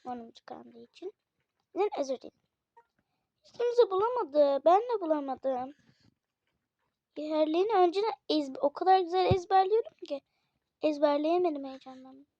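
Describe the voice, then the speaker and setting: Woman, high voice, casual game commentary for viewers, chatty and excitable, slightly unwell, dry dull lo-fi mic. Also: normal speed, pauses often, no echo. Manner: chatty, addresses viewers often, excitable exclamations. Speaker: gaming channel host.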